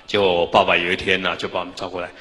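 A man preaches a Buddhist dharma talk in a temple hall. His low voice is forceful and pointed, and he tells stories broken up with drawn-out interjections. A long reverb trails his words through the hall. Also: completely flat delivery. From Taiwan. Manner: storytelling, with frequent drawn-out interjections. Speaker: Buddhist master.

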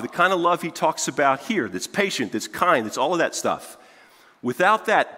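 A middle-aged man preaching in a church sanctuary, his bright voice swinging widely in pitch as he paces and gestures. He talks in a loose, conversational way, restarting phrases and tossing "right?" to the congregation. A long hall reverb trails every line. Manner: animated, conversational, frequent restarts and "right?" asides. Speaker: pastor. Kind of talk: sermon.

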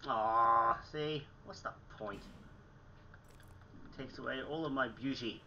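Slow and sharp in tone, a young man's mid-range voice comes through dull audio with a little hiss or hum. He hosts a gaming channel, chatting casually over gameplay from a small room at home, sounding slightly phlegmy and sick. He's chatty, pokes fun at himself, and clears his throat often.

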